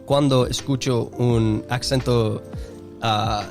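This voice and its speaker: A young man with an Australian accent talks in a relaxed guest chat. His voice sits at an everyday middle pitch. He swears freely and stops now and then to hunt for a word. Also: music in the background. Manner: loose and profane, pausing to search for words. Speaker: comedian guest. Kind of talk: casual chat.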